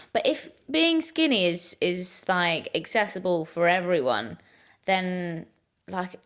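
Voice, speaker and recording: A woman's voice: lowish voice, a bit bright. Blunt, sweary woman. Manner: blunt, sweary, matter-of-fact. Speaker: podcast co-host. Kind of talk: casual chat.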